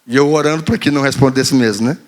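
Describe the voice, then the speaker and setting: A man's voice: medium pitch, fast, long reverb tail. A male pastor preaching a sermon, telling a story in a playful way and acting out quotes. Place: church hall.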